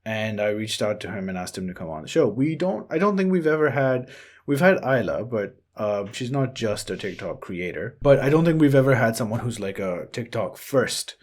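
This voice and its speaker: A man's voice: mid-range voice, very animated, moderate pace, a little mellow. A man hosting a podcast, introducing a guest and chatting in an easygoing way. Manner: easygoing, laughs often. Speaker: podcast host. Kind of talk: casual podcast chat.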